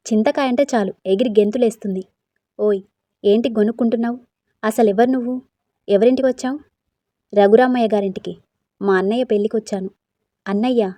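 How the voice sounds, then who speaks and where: A woman's voice: fairly high pitch, warm tone, no room sound. A woman reading a story aloud and voicing every character in one plain everyday tone.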